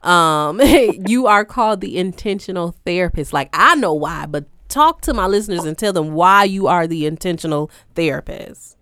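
A woman's voice: on the low side, expressive, normal speed, few pauses, fairly bright tone, clean tone, dry recording, clean studio sound. A woman hosting a podcast interview, bubbly and gushing, laughing often and saying "like" a lot. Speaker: podcast host. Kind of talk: casual interview chat.

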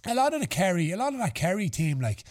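A man's voice: sits high, sing-song, quick pace, darkish tone. Irish male, aged thirty, podcast host; casual, slangy anecdotal delivery with some swearing. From Ireland. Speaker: podcast host answering listener questions. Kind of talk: casual chat.

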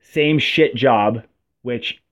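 A man's voice: medium pitch, very slow. A man ranting through a profane, sarcastic comic monologue as a podcast host. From New York. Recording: dull lo-fi audio.

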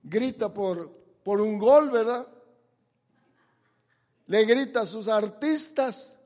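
A man preaches slowly in a very high voice, moving between soft asides and loud declarations. The sound rings in a long echoing hall. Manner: dramatic swings from soft to shouted. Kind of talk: sermon.

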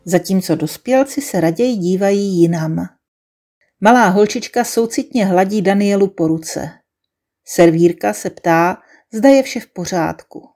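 A woman narrating a first-person story in a measured, wry, self-ironic manner, with soft music behind. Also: mid-range voice.

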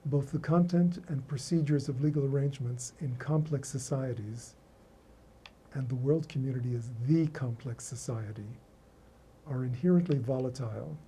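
A man delivering a scripted academic lecture in a formal, measured, erudite professorial manner, with a husky voice. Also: mid-range voice, mellow.

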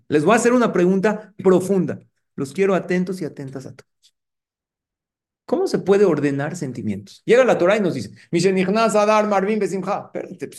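A middle-aged man, a rabbi giving a lively sermon and putting rhetorical questions to his congregation. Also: on the high side. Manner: engaging, asks the audience rhetorical questions.

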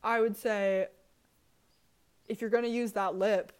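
A woman's voice: medium pitch, steady tone, unhurried, clear, resonant tone. A woman co-hosting a casual chat over a video call, blunt and swearing, often laughing mid-sentence. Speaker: podcast co-host.

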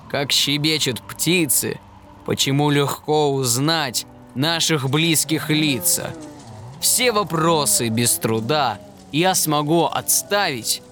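A man voicing a hungry, menacing male dragon with a slow, growling delivery in a storybook reading. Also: a little high, a bit bright. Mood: grudging.

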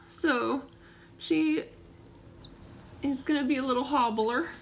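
A woman co-hosting a casual podcast, chatty and quick to laugh as she walks through her notes. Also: high voice, slight background noise. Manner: giggly, animated, laughs often. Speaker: podcast co-host. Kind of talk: casual chat.

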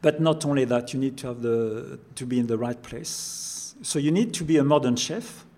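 Answering interview questions at normal speed, an older French-accented chef from France has a medium-pitched, darkish voice. He tends to repeat words as he gropes for phrasing.

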